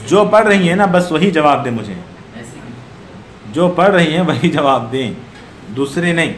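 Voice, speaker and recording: Higher-voiced man teaching grammar in an echoey room. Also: animated, a little slow. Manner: quizzes students, corrects patiently. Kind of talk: online Arabic grammar class.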